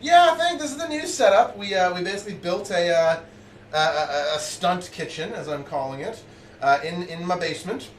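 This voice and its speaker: A high-voiced man hosts a live cooking stream from his basement kitchen, joking around and reading out viewers' messages in an excitable, casual way. He sits a little back from the mic, so his voice sounds slightly distant, and the room adds a noticeable echo. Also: moderate pace, slight background noise. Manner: excitable and jokey, reads out chat messages.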